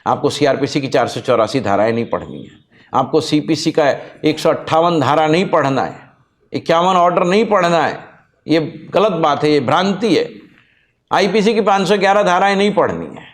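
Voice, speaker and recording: Male law teacher, kinda high voice, hammers points home and repeats stuff. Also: expressive, normal speed. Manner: emphatic, repeats key points, spells out words letter by letter. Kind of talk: lecture and channel introduction.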